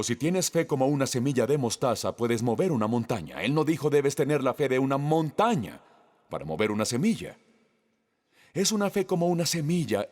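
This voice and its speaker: A man preaching to a congregation, his pitch rising and falling with lively expression. He takes his time, leaning on each phrase and turning to ask the room questions. His voice carries a long reverb, as if filling a large hall. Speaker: pastor. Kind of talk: sermon.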